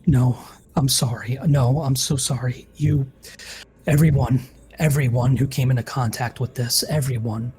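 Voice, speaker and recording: Tabletop game: frantic hissing woman on phone, played by a man, raspy whisper. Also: medium pitch, fairly even intonation, measured pace, a little mellow. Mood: pleading, urgent. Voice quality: whispering, hissed.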